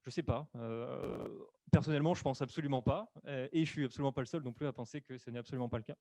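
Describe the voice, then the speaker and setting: A man's voice: mid-range voice, fast talker, creaky, warm tone, no room sound. A man presenting an explanatory webinar on camera into a desk microphone, hesitant, with many fillers and self-corrections. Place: room at home or office, on camera.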